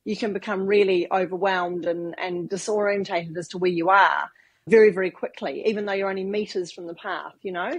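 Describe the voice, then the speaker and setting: A branding expert in her fifties from New Zealand, with a New Zealand accent, chats casually as a podcast guest and explains things through long, winding examples. Her voice is medium-pitched and husky.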